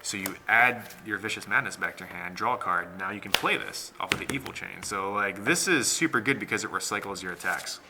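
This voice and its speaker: A young man casually demoing a card game deck, talking fast and loose with lots of fillers, laughing and swearing. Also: on the low side, heavy background noise. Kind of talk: casual gameplay demo.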